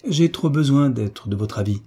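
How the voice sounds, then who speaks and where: A man reading an audiobook voices a gracious young duchess with gentle, affectionate questions, pitched higher than his narration. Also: moderate pace, breathy edge. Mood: tender.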